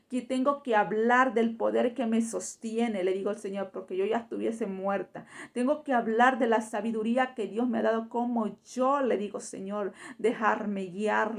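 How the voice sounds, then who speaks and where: A woman preaching a sermon fervently in Spanish, filling her phrases with repeated tag questions. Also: a little high. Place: church.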